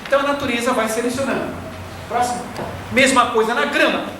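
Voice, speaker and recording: A man from Florianópolis with a Brazilian Portuguese accent, giving a slow, didactic spiritist lecture. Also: very high voice, fairly even intonation. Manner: didactic, slow and deliberate, fond of diminutives. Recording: echoey hall from far off, faint noise.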